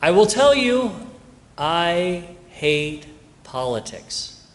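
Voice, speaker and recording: Priest with a cathedral echo. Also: male voice, sits high, very animated, extremely slow, fairly bright tone. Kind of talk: Gospel reading and homily. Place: large church. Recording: long reverb of a large church.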